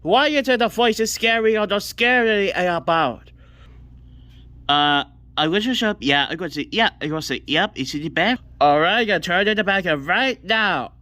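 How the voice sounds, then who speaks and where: A man voicing toys in a playful, improvised scene, excitable and stammering, jumping between high yelps and lower grumbles. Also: a little slow, no echo. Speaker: hobby video maker voicing toy figures. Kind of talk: playful improvised toy voice play.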